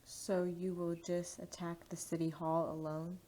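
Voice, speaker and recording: A man voicing a worried young wife in a soft, hushed falsetto for an audiobook. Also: little pitch movement, measured pace, natural voice. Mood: pleading. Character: worried young wife pleading for her husband. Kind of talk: audiobook character voice.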